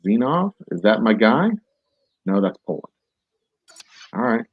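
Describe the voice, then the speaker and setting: A gaming streamer rambles through casual let's-play commentary on a strategy game, mocking himself and using many fillers. His voice is lowish and unhurried with big pitch swings, recorded on a desk microphone with no room sound and a phone-like quality.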